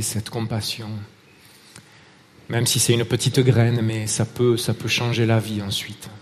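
A man preaching a sermon in a relaxed, conversational way. He tells stories, hesitates and restarts, and speaks French with a foreign accent. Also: medium pitch, long reverb tail.

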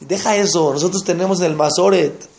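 A man giving an animated sermon, telling stories and asking the audience rhetorical questions. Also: high voice, a little fast, gravelly, breathy edge. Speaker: religious teacher.

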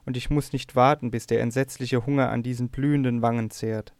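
A man voicing a despairing young princess abducted to a strange shore, lamenting and pleading a little louder than his narration. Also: medium pitch, flat delivery, normal speed, smooth, no echo, lightly acted.

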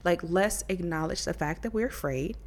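A woman's voice: on the low side, moderate pace. A young woman hosting her own podcast from her living room, talking casually and candidly into a handheld mic, cursing freely and laughing often. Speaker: podcast host. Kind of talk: casual solo podcast talk.

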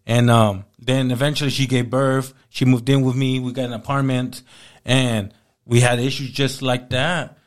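A man in his thirties, speaking at medium pitch and a moderate pace, tells his life story as an interview guest. He's casual and animated, acting out lots of quoted dialogue.

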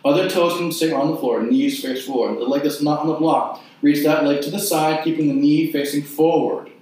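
A man leading an exercise class, giving short, clipped cues and counting repetitions in a measured rhythm. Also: fairly high pitch, steady tone, darkish tone. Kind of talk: guided mat exercise instruction with counted repetitions. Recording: very echoey room, distant mic.

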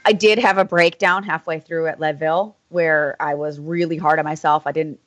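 A woman's voice: low-pitched, fairly even intonation, normal speed, dry recording. A woman guest on a podcast, chatting casually about running and laughing often, with many "like" fillers. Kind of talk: casual chat.

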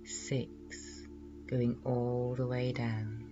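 Slow hypnotist-voiced man, very even pitch. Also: lo-fi sound, music in the background. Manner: slow, soothing, measured, hypnotic delivery with pauses. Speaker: podcast host leading a guided relaxation. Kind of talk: slow hypnotist-style guided relaxation.

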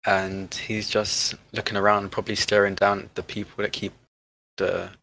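A man's voice: on the low side, flat delivery, moderate pace, creaky, bright, forceful tone, low-quality recording. A man casually improvising as a player in a tabletop role-playing game. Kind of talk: casual improvised character description.

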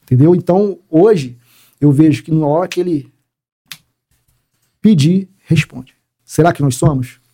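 A man, a police sergeant telling a personal faith story in an interview, acting out dialogue and sinking very low at emotional points. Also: measured pace, long pauses, mellow. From Rio de Janeiro, Brazil. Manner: emphatic storyteller who acts out dialogue and drops very low in emotional moments.

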